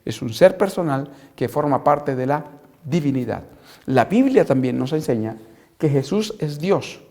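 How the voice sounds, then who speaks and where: A man giving a Bible apologetics lecture as instructor, reading verses aloud and spelling out key terms slowly and deliberately. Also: a little high, lively intonation, a little mellow.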